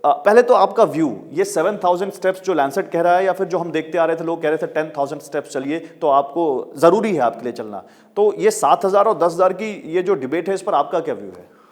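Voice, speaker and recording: A man's voice: fairly high pitch, animated, fairly quick. Man anchoring a TV health report. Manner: emphatic reading, then brief acknowledgments while interviewing. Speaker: TV news anchor. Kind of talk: news report and interview.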